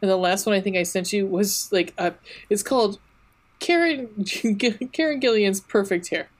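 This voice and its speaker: A woman's voice: medium pitch, moderate pace. A woman co-hosting a podcast in casual chat, gushing and rambling with restarts, swearing freely. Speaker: podcast co-host.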